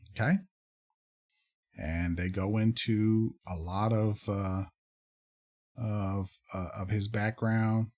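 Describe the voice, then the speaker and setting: A man giving casual commentary on fact-check articles, reading passages aloud and pausing often with fillers and restarts. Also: lowish voice, steady tone, a little mellow. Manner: halting, many fillers and restarts, reads aloud then comments.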